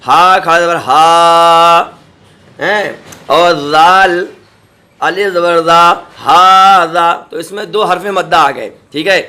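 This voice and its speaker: A man teaching Quran reading, spelling out syllables slowly and patiently and often checking that students follow. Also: high-pitched, sharp tone. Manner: checks in with "samjhe?" and "theek hai". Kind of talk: spelling-out recitation lesson.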